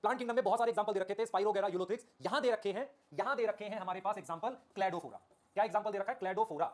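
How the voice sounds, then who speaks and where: Male biology tutor, live online class, very fast talker, constantly checks understanding, repeats terms, fairly high voice for a man. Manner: addresses students affectionately as children; repeats key terms over and over. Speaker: biology teacher.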